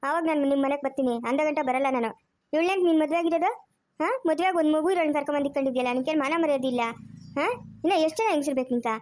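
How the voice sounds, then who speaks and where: A woman playing a shrill furious scolding wife. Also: rapid-fire, darkish tone, no room sound, natural voice. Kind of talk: amateur family drama.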